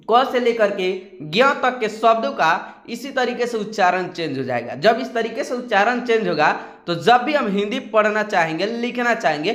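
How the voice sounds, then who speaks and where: A man's voice: high-pitched, fairly bright tone, reverberant. A man teaching a Hindi alphabet lesson, patiently drilling syllables and often checking in with his viewers. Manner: patient, drawn-out syllable drills, frequent "ठीक है ना". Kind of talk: screen-recorded lesson.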